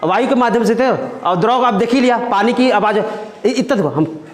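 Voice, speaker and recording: A man's voice: very high voice, lively intonation, normal speed. A male teacher giving a classroom science lesson, talking conversationally with students, repeating himself and checking in with questions. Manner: conversational, repeats phrases and asks "है ना?" often. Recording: echoey classroom.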